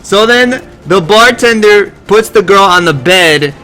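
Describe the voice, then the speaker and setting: Man, high voice, sharp bright tone, profane, exasperated rant, casual stream talk. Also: measured pace, soft background music. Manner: profane, exasperated, animated storytelling.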